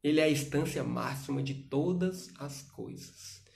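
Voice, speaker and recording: A man preaching to young people in a livestream sermon, urging with loud rhetorical questions and dropping to soft asides. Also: mid-range voice, a little slow, vocal fry.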